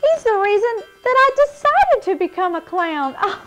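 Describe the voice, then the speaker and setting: A woman's voice: high-pitched, lively intonation, unhurried, a bit bright, faint music behind. A woman voicing a cheerful young girl clown in a children's cartoon, with a bubbly, wide-eyed manner. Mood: excited. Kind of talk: children's show character acting.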